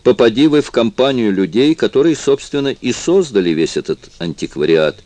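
A man reading a calm, thoughtful older man who speaks in a measured way. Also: mid-range voice, no echo, voice pushed up, lightly acted.

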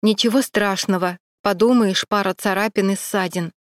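A woman reading a calm male cameraman who soothes and explains. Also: mid-range voice, normal speed, dry recording, studio quality, close to an everyday voice. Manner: soothing, matter-of-fact.

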